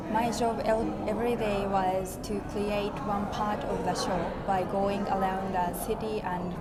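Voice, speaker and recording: Femme d'origine japonaise, débit lent, réponses posées en anglais, foule bruyante derrière. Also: female voice, medium pitch. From Japan. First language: Japanese. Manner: careful, with pauses and fillers. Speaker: interview guest, model and former TV director. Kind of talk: casual interview answers. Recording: loud crowd noise behind. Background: loud crowd.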